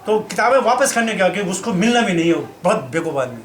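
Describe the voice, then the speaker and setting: A man's voice: high voice, fast talker. A man telling a humorous personal story at a scripture class, acting out the dialogue as he goes and often mixing English phrases into his talk. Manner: animated, laughing, acts out dialogue; mixes Hindi with English phrases. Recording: echoey room with background noise.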